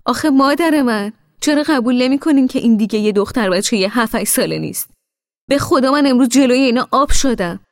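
A woman reading a story voices a bitter, irritated adult brother who scolds loudly and sharply, with long reverb on her voice. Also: a little high, animated, few pauses, clean studio sound, voice pushed up, lightly acted. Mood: exasperated scolding. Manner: loud, scolding, exasperated.

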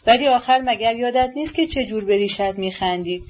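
A spirited young woman, voiced by a woman reading a novel. She pleads with agitation in a fairly high voice. The recording is dull and lo-fi. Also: a little hiss or hum, close to an everyday voice. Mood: pleading. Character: spirited young woman scolding her brother.

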